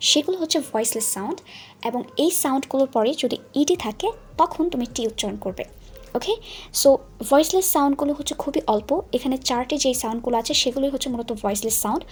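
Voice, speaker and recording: A woman teaching pronunciation, who explains patiently and repeats each word slowly for learners. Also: high-pitched, slight background noise. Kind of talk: explanatory language lesson.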